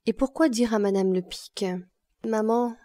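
A woman narrating an audiobook in a calm, measured reading voice. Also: medium pitch, no room sound, clean studio sound. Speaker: audiobook reader.

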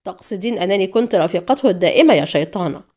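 A woman's voice: medium pitch, very fast, close to an everyday voice. A woman reading an audiobook, voicing a defiant, sarcastic female agent held captive. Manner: calm, mocking defiance.

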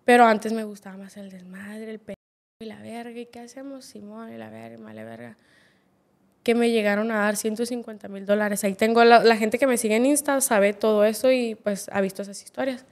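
A young Mexican woman in her twenties with a somewhat high voice, talking as a podcast guest. She tells her story candidly and bluntly, peppering every sentence with slang and curse words. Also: steady tone, fairly quick. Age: 20s. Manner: blunt, swears constantly, slangy.

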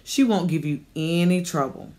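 A soft-spoken young mother, as a woman reads her out in an audiobook, polite and gentle even when rebuffed. Her voice stays close to the reader's own fairly low, even tone. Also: moderate pace, lightly acted. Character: gentle, worn single mother trying to stay polite.

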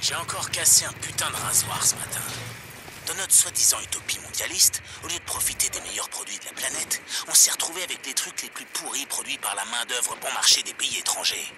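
A man's voice: medium pitch, lively intonation, a little fast, natural voice, rough recording. Guy doing a conspiracy radio preacher for a game, folksy defiant rant, music behind him. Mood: bitter ranting. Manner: emphatic, rhetorical, folksy ranting. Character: defiant conspiracy-minded male radio broadcaster, survivalist preacher of self-reliance. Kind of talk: dramatic radio monologue in a video game.

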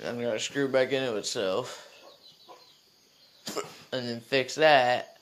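This teenage boy's fairly bright voice moves at a slow pace, with a little hiss or hum in the recording. Filming his farm on a phone at arm's length, he wanders outdoors and through an open wooden barn, rambling about the animals, the barn and a trailer and cooing at the animals in a high baby voice.

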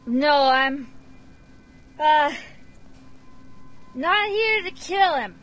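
A performer voicing a bitter, tipsy mercenary leader in a fantasy game. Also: female voice, high-pitched, lively intonation, very slow, a bit bright, soft background music, exaggerated voice. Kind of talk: game voice acting.

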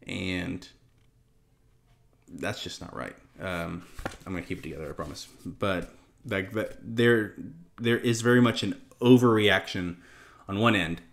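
A man's voice: sits low, creaky. A man in his thirties giving a casual Bible lesson to a webcam in a small home study, reading passages aloud and talking earnestly with fillers and restarts. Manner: earnest and conversational, with fillers, restarts and emotional pauses. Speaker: Bible teacher. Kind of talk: casual teaching to camera, reading scripture aloud.

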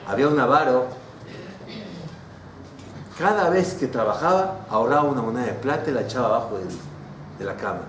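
A man, a rabbi, telling stories in a sermon to a class, animated and acting out characters. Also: medium pitch, a little fast, long pauses. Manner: animated, switches into character voices. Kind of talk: storytelling sermon. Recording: roomy hall, distant mic, faint noise.

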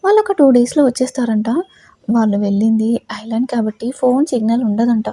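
A woman's voice: on the high side, fairly quick, mellow, breathy edge, dry recording, clean studio sound. A woman voicing a composed middle-aged woman who reassures a worried friend, in a storybook reading. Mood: reassuring. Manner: soothing, reassuring.

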